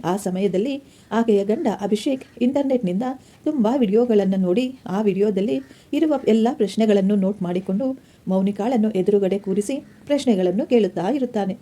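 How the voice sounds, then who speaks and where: A woman reads a moral story aloud at an even pace. Her voice is very dark and mellow. She keeps a medium pitch throughout. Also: brisk.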